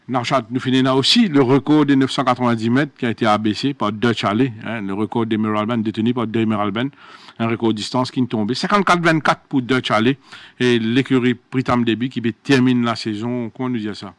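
Halting man, dry sound. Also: medium pitch, fairly even intonation, no echo. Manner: halting, searches for words, many restarts. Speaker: horse racing show host. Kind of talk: studio racing talk.

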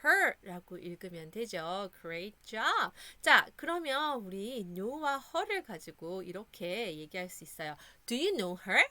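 Lively bright-voiced Korean woman teacher. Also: mid-range voice. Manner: encouraging, repeats words slowly for kids to echo. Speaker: English teacher for children. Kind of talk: children's English lesson.

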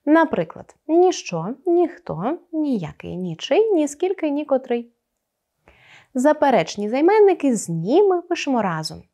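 A woman teaching an online grammar lesson, explaining clearly and stressing each example word. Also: sits high, sing-song, unhurried, dark tone, lo-fi sound.

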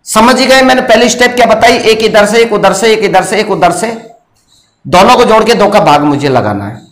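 A man's voice: high-pitched, lively intonation, normal speed, a bit bright. A male maths teacher lecturing in a classroom and quizzing his students with questions. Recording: roomy echo.

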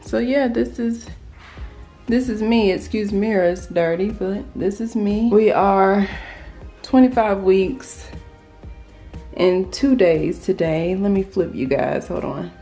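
A young woman talks to her viewers in a slow, unhurried way, calling them y'all while she films around her home on a phone. Her pitch sits in a middle range. Soft music plays faintly in the background. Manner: chatty, addresses viewers as y'all. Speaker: vlogger. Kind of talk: casual vlog chat. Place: at home indoors. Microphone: handheld phone camera.

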